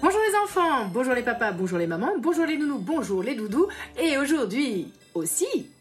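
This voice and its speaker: Woman, bright sing-song welcome, children's podcast host, playful, music behind. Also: a little high, very animated, quick pace. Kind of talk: playful scripted list-like narration.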